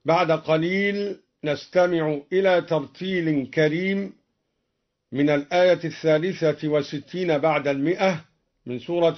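A man giving a formal explanation of Quran reading variants in a measured, deliberate way, slowing down to intone the verses he quotes. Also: on the high side. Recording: dull lo-fi old radio broadcast recording.

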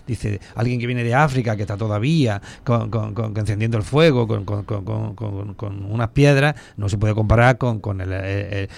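Gravelly Spanish-accented man, hesitant. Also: medium pitch, a little mellow. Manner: hesitant, many filler restarts. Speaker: guest. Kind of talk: casual radio conversation.

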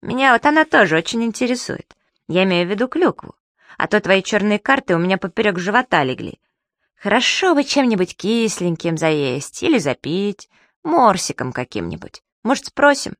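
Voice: mid-range voice, big pitch swings, moderate pace, a bit bright, dry recording, studio quality, pitched above the performer's own voice. A reader voicing a cheeky, gluttonous childlike male magic creature who talks in a chirpy, wheedling, pestering way. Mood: teasing.

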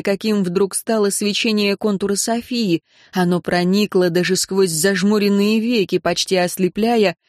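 A woman narrating an audiobook in a measured, dramatic way, close to the mic. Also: medium pitch, no room sound.

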